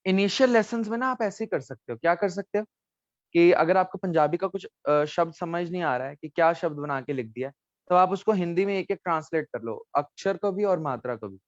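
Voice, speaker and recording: A man teaching a language class online, repeating each word slowly and quizzing his students. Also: high-pitched, no room sound. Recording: dull lo-fi sound.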